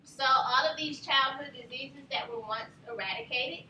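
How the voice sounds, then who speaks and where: A woman teaching a nursing class, telling lively stories and quizzing her students. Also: sits high, moderate pace, a little hiss or hum. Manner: animated storyteller, quizzes the class. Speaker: nursing instructor. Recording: roomy classroom from far off.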